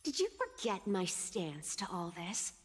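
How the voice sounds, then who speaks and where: A woman's voice: mid-range voice, sing-song, measured pace, breathy edge, big-room sound. A woman voicing a sly, teasing young female thief with a cat-like, playful manner in a video game.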